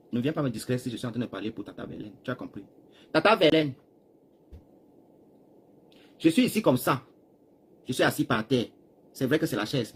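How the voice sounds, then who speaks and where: A Cameroonian man rambling through a live stream, talking straight to his viewers and swinging between loud bursts and hushed asides while seated. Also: mid-range voice, slight background noise. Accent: Cameroonian French. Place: seated, chair.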